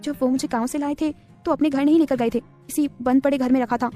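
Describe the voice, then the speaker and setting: A timid young woman, put on by a female narrator, speaking in a high, innocent voice that slides into a sulky whine. Her lines come fast and a little breathless, with a faint music bed behind the story reading. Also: steady tone, close to an everyday voice. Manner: soft and innocent, whiny when upset.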